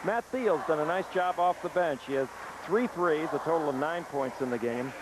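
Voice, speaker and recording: A man's voice: fairly high pitch, normal speed. A man calling a live basketball game as play-by-play announcer. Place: basketball gymnasium. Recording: noisy live gym broadcast.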